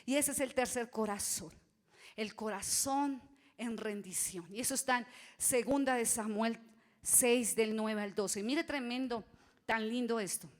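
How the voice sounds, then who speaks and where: A woman preaching a sermon in church, swinging between loud cries and hushed whispers. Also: fairly high pitch, measured pace. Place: church sanctuary.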